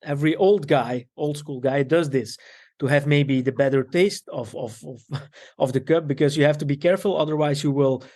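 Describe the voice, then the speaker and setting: Italian-accented man, halting speech. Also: on the high side, darkish tone. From Italian, raised in Belgium. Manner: halting, repeats words. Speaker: guest, tailor. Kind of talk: casual interview.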